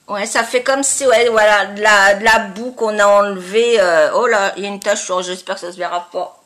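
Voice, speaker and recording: A woman chatting casually to viewers in a product review, with a congested, honking nasal voice and a halting delivery as she searches for words. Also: medium pitch, steady tone, a bit bright. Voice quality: nasal, honking, duck-like voice from blocked sinuses. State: congested with sinusitis. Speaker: beauty vlogger.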